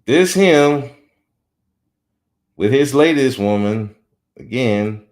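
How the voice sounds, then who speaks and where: At a very slow pace and medium pitch, a forties-aged podcast host offers blunt, opinionated commentary. He stays animated throughout and sometimes mocks the people he quotes.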